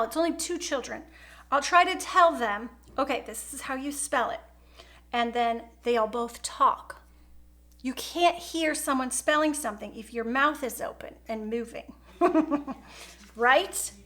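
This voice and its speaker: A woman's voice: high-pitched, measured pace, a bit bright. A woman hosting a live painting stream from home, chatting casually and rambling, laughing often. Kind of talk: casual chat while painting.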